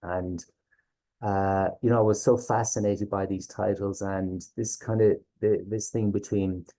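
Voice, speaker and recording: A man with a low, very mellow voice and a west of Ireland accent. He presents informally like a teacher, hesitating as he goes and often checking that listeners follow. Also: fairly even intonation, a little slow, rough recording. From Galway, west of Ireland. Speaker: teacher presenting a reading series.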